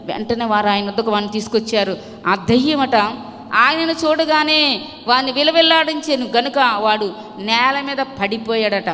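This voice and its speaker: Woman preacher, higher pitch, emphatic and repetitive, long hall reverb. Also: normal speed, bright, forceful tone, slight background noise. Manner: emphatic, repeats phrases, exclaims hallelujah. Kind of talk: Telugu sermon retelling a Bible passage.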